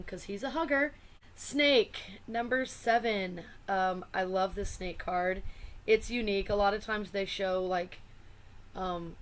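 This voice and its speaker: A woman casually showing a deck of cards on her channel, chatty and rambling, full of fillers and asides. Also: mid-range voice. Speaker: tarot and oracle deck reviewer.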